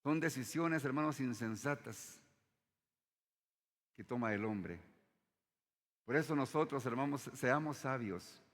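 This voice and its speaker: A man preaching a sermon, often addressing the congregation as brothers and dropping his voice low at the end of phrases. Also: expressive, unhurried, long pauses. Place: church hall. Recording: long hall reverb.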